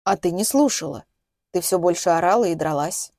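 Woman voicing calm retired male hitman, low and even, storybook reading. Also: fairly quick, no room sound, studio quality.

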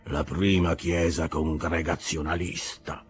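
A man voicing a stern, pious old whaling captain with a deep, sepulchral voice and a slow, severe delivery. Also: flat delivery, faint music behind.

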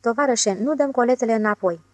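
A woman voicing a stubborn, bored male post office clerk in an audiobook, flat and officious. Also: fairly high pitch, no echo, natural voice. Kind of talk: audiobook character voice.

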